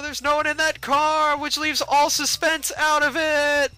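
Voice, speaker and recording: A man doing a squeaky, overexcited cartoonish voice with shrill, drawn-out exclamations. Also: level tone, sharp tone, full character voice.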